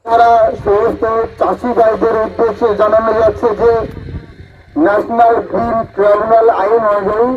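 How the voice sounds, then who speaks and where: A man, a police announcer, reads a formal public warning over a loudspeaker PA system, repeating it in a steady, formal way. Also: high-pitched, moderate pace. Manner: formal, repetitive, monotone. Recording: tinny loudspeaker with faint noise.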